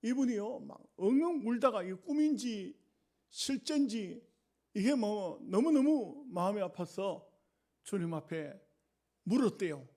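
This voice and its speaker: A male pastor preaching a sermon, telling a story dramatically and often letting his voice sink low and quiet. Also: animated, a little slow.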